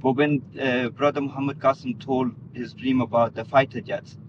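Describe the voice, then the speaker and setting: This Danish interview guest has a medium-pitched voice with fairly even intonation and talks at a normal speed. The conversation is earnest and religious, captured in muffled lo-fi audio with noticeable background noise.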